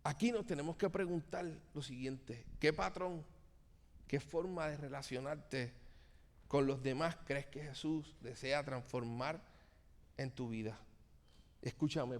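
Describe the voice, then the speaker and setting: A man's voice: mid-range voice, unhurried, big-room sound. A man from Cuba preaching a sermon to a church congregation, speaking earnestly and turning often to address his listeners directly. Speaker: pastor.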